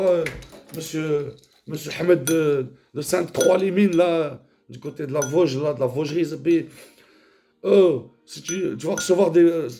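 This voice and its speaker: A man rambling in a casual, vulgar monologue, jumping between mumbles and shouts. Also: on the high side.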